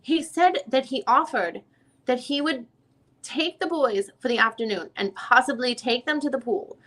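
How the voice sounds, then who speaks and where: At a normal speed, a woman whose voice sits high with a fairly bright tone reads the lawyer's part in a deposition transcript. She questions the witness in a formal, methodical, probing style for this dramatic reading.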